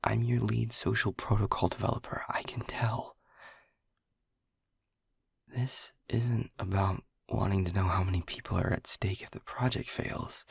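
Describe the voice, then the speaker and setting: In an audio roleplay, a man plays a nervous young lab technician, stammering in hushed, breathy, urgent whispers. His exaggerated voice is gravelly, very husky and lowish, level in tone and unhurried, recorded close and dry with no room sound.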